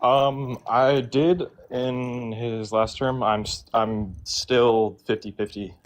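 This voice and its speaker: A young man calls into a livestream debate, speaking hesitantly with lots of ums and hedging in this casual exchange. His voice is medium-pitched, with fairly even intonation and a slow pace.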